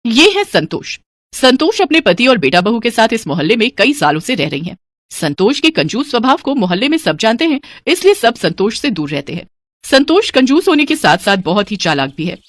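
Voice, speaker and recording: A woman narrating a cartoon story in a plain, even way. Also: fairly high pitch, normal speed, dry recording.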